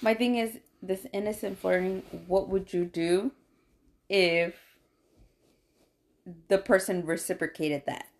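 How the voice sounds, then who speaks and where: A woman's voice: medium pitch, takes it slowly, long pauses. Woman chatting casually on a podcast. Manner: animated, laughs between remarks. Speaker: podcast co-host. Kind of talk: casual couple chat.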